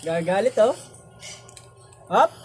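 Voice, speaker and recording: A woman's voice: mid-range voice, expressive, slow, over loud music. A young woman filming her pet at home, teasing it in playful baby talk and laughing often. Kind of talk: playful home video narration.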